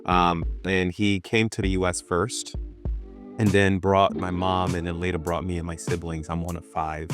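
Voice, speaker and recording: A man in his thirties, born in Ghana and raised in Brooklyn, New York, speaks as an interview guest; he is a venture capital partner. His low voice stays level at a normal pace as he tells personal stories conversationally, repeating phrases for emphasis, with faint music in the background.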